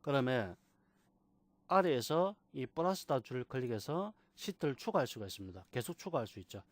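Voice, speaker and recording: A man teaching a software class, patiently repeating key terms and asking rhetorical questions. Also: medium pitch, big pitch swings, fairly quick, no echo. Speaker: computer instructor. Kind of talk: screen-recorded software tutorial.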